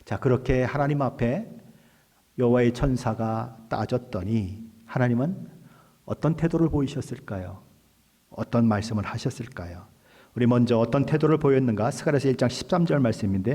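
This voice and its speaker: Male pastor, mellow voice, lively sermon with questions to the flock, long church reverb. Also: medium pitch. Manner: animated, asks the congregation questions and acts out quoted voices. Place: church sanctuary.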